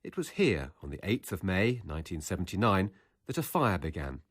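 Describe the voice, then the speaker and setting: A man narrates a radio documentary in a low, slightly husky voice. His pitch rises and falls in a lively way, and the sound is dry and close with little room around it. The delivery is measured and scripted. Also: no room sound.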